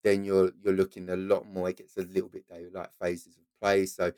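An Essex-accented man with a lowish voice, recorded close and dry. He explains things in an interview as a football coach would, driving his main points home by repeating them. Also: completely flat delivery, fairly quick, a little mellow, dry recording. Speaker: football talent scout and coach.

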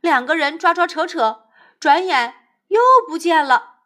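A woman narrating a classic tale in a lively, expressive storybook reading. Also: high voice, unhurried.

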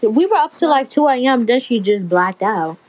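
A woman's voice: fairly high pitch, lively intonation, normal speed, a little mellow, low-quality recording. Rambling teen girl storyteller. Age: teens. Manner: rambling storyteller, easily sidetracked. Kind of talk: casual chat among friends.

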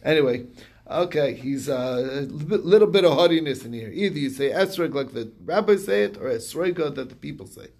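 A man's voice: fairly high pitch, expressive, brisk, creaky, a little mellow. A man casually retelling a Talmud story in quoted back-and-forth dialogue, with fillers and restarts. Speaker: Talmud study reviewer.

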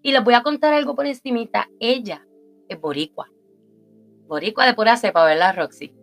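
Puerto rican lady hosting a chatty podcast, upbeat, kinda high voice. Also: moderate pace, creaky, faint music behind. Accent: Puerto Rican Spanish. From Puerto Rico. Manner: enthusiastic, warm-hearted praising. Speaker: podcast host. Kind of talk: casual interview chat.

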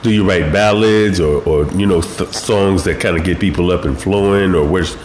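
A man with a low, magnetic voice hosting an interview show in a courteous, measured way. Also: darkish tone. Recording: roomy echo with faint noise.

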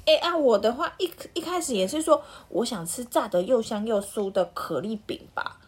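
A woman voicing a gleeful male wolf who laughs and talks in a bright, greedy way. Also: on the high side, lively intonation, moderate pace, husky. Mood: flustered.

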